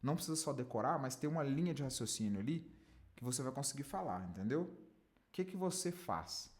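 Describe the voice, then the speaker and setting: A man's voice: mid-range voice, brisk. A man mentoring on cold calls, coaching directly and acting out examples. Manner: animated, direct, demonstrates with lively intonation. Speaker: sales mentor.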